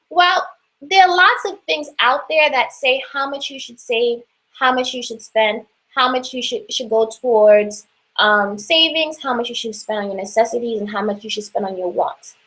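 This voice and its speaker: A woman's voice: fairly high pitch, fairly bright tone, rough recording. A young woman with a New York accent giving casual personal finance advice, chatty with lots of fillers and restarts.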